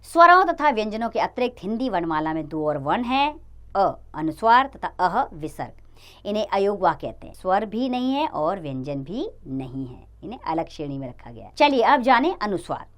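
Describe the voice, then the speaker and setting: Lively woman teaching children. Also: mid-range voice, normal speed. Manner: addresses children, lively sing-song explaining. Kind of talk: children's grammar lesson.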